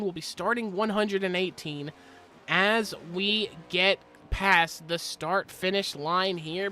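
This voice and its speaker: Bright, high-voiced male race caller. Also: a little hiss or hum. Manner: apologetic, corrects himself on air. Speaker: sim racing play-by-play commentator. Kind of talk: live race commentary. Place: home, helicopters overhead.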